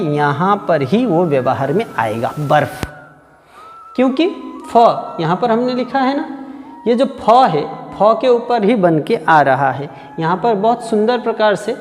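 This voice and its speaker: A man teaching a grammar lesson, slow and patient, repeating each sound aloud several times. His pitch swings a lot as he stresses examples. The sound carries a long reverb, with faint music underneath. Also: darkish tone. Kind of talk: exam-prep grammar lesson.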